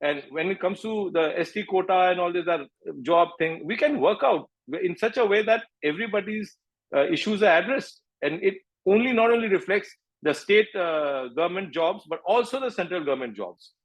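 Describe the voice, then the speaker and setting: A man's voice: high voice, animated, normal speed, poor audio. A middle-aged man from northeast India with an Indian accent, speaking emphatically as an interview guest, repeating points and slipping into Hindi phrases. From Manipur, northeast India. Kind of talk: impassioned political interview talk.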